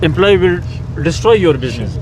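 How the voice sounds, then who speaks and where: A man's voice: fairly high pitch, expressive, brisk. A man in his fifties, a ride-hailing driver, talking plainly and emphatically about his work costs. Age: 50s. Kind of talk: casual dinner conversation. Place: outdoor parking lot. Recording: noisy outdoor parking lot.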